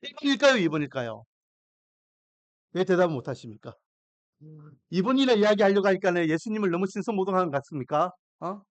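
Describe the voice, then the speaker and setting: A man's voice: sits high, expressive, fairly quick, long pauses, dry recording. A man preaching a sermon, emphatic and putting questions to his congregation. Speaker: pastor.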